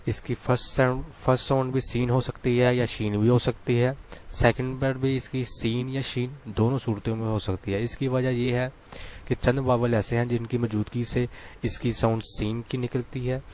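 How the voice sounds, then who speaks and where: A man's voice: mid-range voice, little pitch movement, a little mellow, slight background noise. A man teaching Korean letters step by step, patiently repeating points and asking the listener questions. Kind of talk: explaining lesson.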